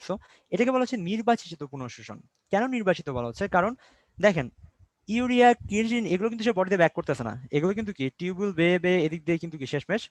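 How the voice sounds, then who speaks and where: A man's voice: on the high side, dry recording. A young man from Bangladesh teaching an online biology class, explaining step by step, asking and answering his own questions and mixing in English words. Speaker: biology tutor.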